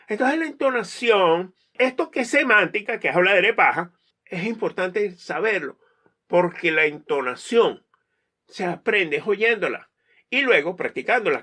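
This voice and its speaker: Man, animated teacher, rhetorical questions, bright and fairly high voice. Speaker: English teacher for pilots. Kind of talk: online lesson talk.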